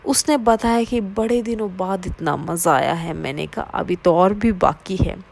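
A woman reading a first-person story aloud in a steady, low-key way. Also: unhurried, vocal fry. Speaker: narrator.

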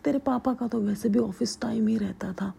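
A sly, coaxing middle-aged father-in-law, whispered by a woman in a whispered role-play. The whisper is very breathy with a heavy gravelly fry, and the tone stays dark and mellow. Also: medium pitch, moderate pace, full character voice.

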